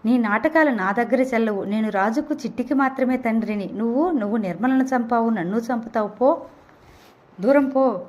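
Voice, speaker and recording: A woman's voice: fairly high pitch, moderate pace, a little mellow, natural voice. A woman voicing an unstable, drinking husband in a read-aloud audio novel, raving and mocking in turn. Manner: raving and mocking, then tender. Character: volatile drunk adult man, a husband. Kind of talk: audiobook character reading.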